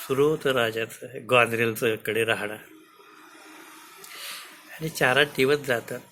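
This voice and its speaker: A man retelling a classic play to listeners in an animated, conversational way. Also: mid-range voice, a little slow, slight background noise. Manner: animated, conversational, acts out the parts. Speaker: storyteller, speaker. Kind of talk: lively spoken retelling of a play.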